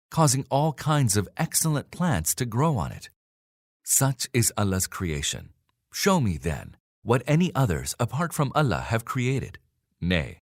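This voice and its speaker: Low-voiced man in a solemn reading. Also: no room sound, clean studio sound. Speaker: scripture reader. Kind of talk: scripted reading of a translation.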